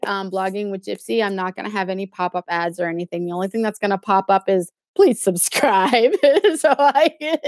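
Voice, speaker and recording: A woman's voice: medium pitch, no echo, studio quality. A middle-aged woman chatting casually on a livestream, sassy and snarky, laughing often and filling gaps with lots of ums. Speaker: YouTube live streamer.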